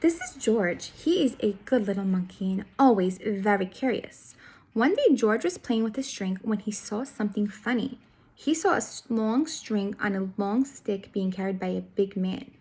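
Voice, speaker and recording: Reading a picture book to young children, this woman sounds animated, with a mid-range voice that is husky and a little mellow, at a moderate pace. She takes a teacher's approach, storytelling expressively and addressing the kids directly with questions that guide them.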